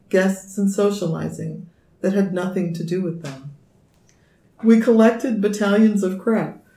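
Gravelly, dark-toned woman reading poetry. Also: lowish voice. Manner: measured, somber reading. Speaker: poet reading her work. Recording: echoey room.

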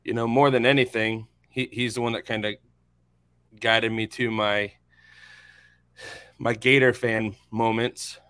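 Very clear-voiced American man chatting sports. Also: medium pitch, little pitch movement, measured pace, long pauses, fairly bright tone. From central Florida, USA. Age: 30s. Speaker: sports podcast panelist. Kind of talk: casual sports chat.

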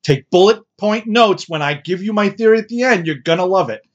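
A man with a fairly high voice co-hosts a casual movie podcast. He drops wry jokes and grumbling asides. The recording sounds slightly dull and lo-fi. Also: expressive, fairly quick. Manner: wry, joking asides and complaints. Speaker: podcast co-host.

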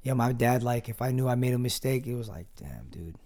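A man's voice: medium pitch, flat delivery, fast, a little mellow. A young man in casual conversation as a podcast guest, talking earnestly with lots of fillers and restarts. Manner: rambling, filler-heavy, earnest.

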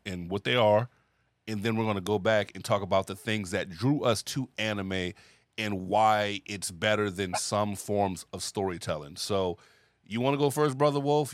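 Low-voiced male podcast host, dry sound. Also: dry recording. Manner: laughs easily, relaxed and talkative. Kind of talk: casual podcast chat.

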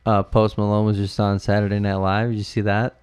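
Relaxed young man hosting, smooth voice. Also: lowish voice, no room sound. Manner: relaxed, rambling, quick to laugh. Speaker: podcast host. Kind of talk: casual chat.

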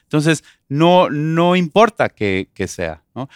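A man's voice: fairly high pitch, sing-song, takes it slowly, clean tone, dry recording, studio quality. A man with a Mexican accent, a guest telling an earnest story about being a stepfather in a casual chat.

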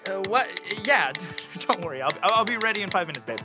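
A man's voice: sits high, animated, fairly quick, voice pushed up. A man voicing a sheepish husband who keeps apologizing for being late, in a comedic ad skit. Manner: flustered, stammering apologies. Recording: music bed underneath.

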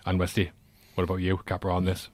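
A man's voice: deep voice, monotone, fast talker, no echo. A British man delivering confident, opinionated film verdicts in casual podcast chat.

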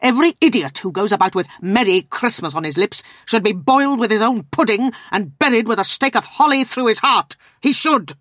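A bitter old miser from a storybook performed by a woman, stern and growling. He is scornful and indignant, with big swings of pitch in a close, dry recording. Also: animated, moderate pace, a bit bright, no room sound.

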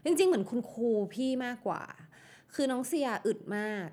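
A woman's voice: a little high, big pitch swings, moderate pace, warm tone, breathy edge. A woman guest on a podcast, telling candid stories about her work in a casual way and mixing in English words. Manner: acts out her past strict voice when quoting herself. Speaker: guest artist.

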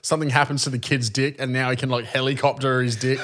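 A man's voice: medium pitch, level tone, fast talker, a bit bright. An Australian man in his thirties chatting casually as a podcast co-host, crude and slangy, swearing freely in comic banter.

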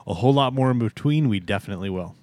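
A man's voice: fairly low pitch, lively intonation, very fast, darkish tone, dry recording. A man chatting casually as the co-host of a podcast. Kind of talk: casual chat.

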